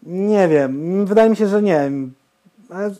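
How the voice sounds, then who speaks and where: A man's voice: high voice, takes it slowly. A young man co-hosting a podcast, blunt and opinionated, ranting and swearing in casual chat. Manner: blunt, swears, ranty and animated. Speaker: podcast co-host.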